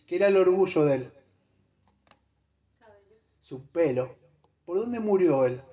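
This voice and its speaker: A man delivers a sermon in a church, his voice somewhat high for a man yet warm and soft-edged. He preaches conversationally, calling directly to his listeners. He often stops to think aloud and search for Bible verses. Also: expressive, slow pace. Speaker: pastor.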